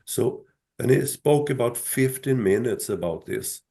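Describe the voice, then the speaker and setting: Slow, gravelly-voiced man losing his voice. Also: mid-range voice, expressive, dark tone. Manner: slow, halting, many restarts. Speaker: son telling his mother's story. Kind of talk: live talk with a host.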